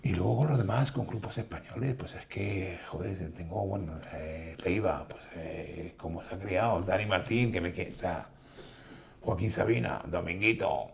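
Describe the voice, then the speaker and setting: Older Spanish man, low gravelly voice, lively raconteur in relaxed chat. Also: moderate pace. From Spain. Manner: animated storyteller acting out quoted dialogue. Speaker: guest photographer. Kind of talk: casual conversation.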